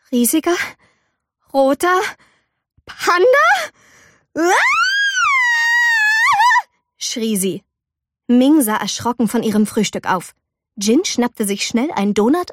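A woman reading a storybook aloud in an expressive, animated way. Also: medium pitch, husky, no echo, clean studio sound. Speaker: narrator.

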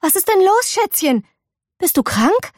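Brief: fussing, anxious storybook mom voiced by a woman, high and lively, dry sound. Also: unhurried, no echo. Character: fussing, worried mother, middle-aged.

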